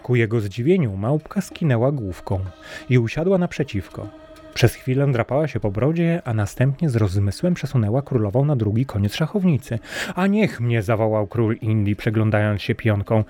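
A male storyteller reading a fairy tale in calm, measured narration, his voice dark and mellow. A faint bed of music runs underneath. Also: mid-range voice.

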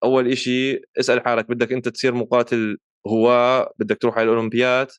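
A man's voice: mid-range voice, level tone, racing, smooth, no room sound. A man with a Levantine Arabic accent explaining things casually as a podcast co-host, dropping in English terms as he talks.

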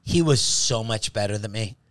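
A man's voice: on the low side, normal speed, a crowd in the background. A man casually adding his side of a golf story on a podcast. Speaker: podcast guest, subject of the story. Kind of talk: casual chat. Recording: loud background noise.

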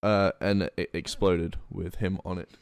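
A man's voice: low voice, flat delivery, unhurried, clean tone. A man, co-hosting a casual podcast, laid-back with short replies and news headlines read aloud. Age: late teens. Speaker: podcast co-host.

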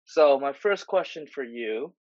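A man's voice: mid-range voice, lively intonation, unhurried, darkish tone, dry recording, dull audio. A man hosting a casual podcast chat, asking questions with many fillers and restarts. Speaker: podcast host. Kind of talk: casual conversational interview.

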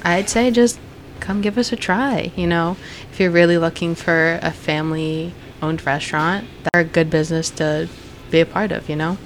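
Young woman guest, chatty and loose, slightly low voice, faint hiss behind. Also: steady tone, moderate pace. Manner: chatty, frequent "like" and "you know". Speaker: restaurant owner's daughter, guest. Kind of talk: casual chat.

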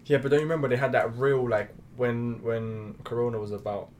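A man's voice: medium pitch, steady tone, fairly quick, a little mellow. A young man with a London accent and urban roadman slang, chatting casually with friends. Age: young adult. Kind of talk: casual chat among friends. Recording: background noise.

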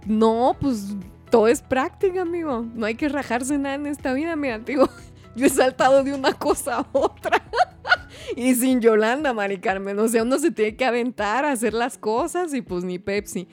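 A woman from Chihuahua, hosting a podcast in lively, slangy casual chat with faint music behind. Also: high-pitched, normal speed. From Chihuahua, Mexico. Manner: chatty, animated, laughs often, slangy. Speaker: podcast host.

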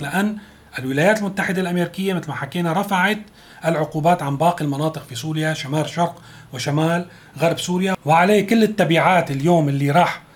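A man with a Syrian accent giving a news commentary monologue, conversational and sarcastic in his asides. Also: fairly high pitch. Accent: Syrian Arabic. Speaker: political commentator.

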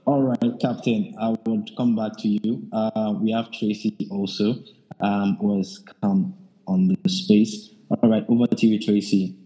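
A man's voice: lowish voice, level tone, a little slow, dark tone, rough recording. A Nigerian man hosting a live audio community session, steadily handing over to speakers, with frequent fillers. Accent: Nigerian English. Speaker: host.

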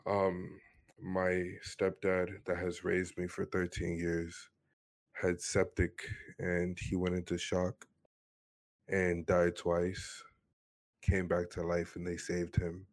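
A man's voice: low-pitched, completely flat delivery, slow. A man in his twenties from Miami tells his personal story in an earnest, matter-of-fact way during a casual interview. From Miami, Florida, USA. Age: 20s.

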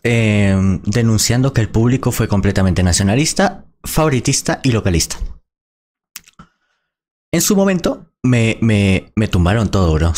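A man's voice: fairly low pitch, a little mellow. A man, a small content creator giving blunt, indignant reaction commentary with plenty of swearing.

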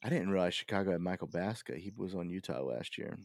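A man co-hosting a casual podcast, rambling and swearing with lots of fillers, excitable. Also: low-pitched, fast, vocal fry, no room sound, clean studio sound. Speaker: podcast co-host.

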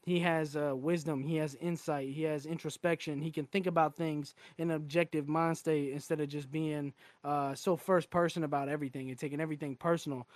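A man's voice: a little high, steady tone, brisk, hardly any pauses, no echo. A man in his twenties hosting a podcast, frank and casual, swearing freely. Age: 20s. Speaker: podcast host.

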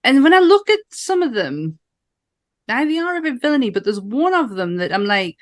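High and sing-song at a normal speed, this woman's voice carries a northern English accent. She co-hosts a podcast, chatting casually and enthusiastically, and she swears and laughs a lot.

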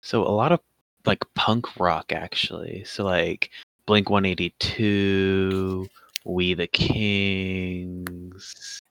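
Low-voiced young man joking on a podcast. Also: fairly even intonation, extremely slow, a bit bright. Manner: joking, laughs often, rambling. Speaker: podcast co-host. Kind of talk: casual podcast chat.

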